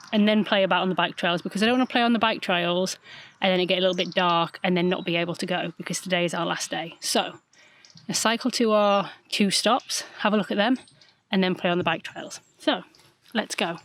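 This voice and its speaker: A woman's voice: mid-range voice, noisy background. A woman vlogging casually, chatting and thinking aloud as she explores outdoors. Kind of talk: casual vlog narration. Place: outdoors and in a small underground cellar.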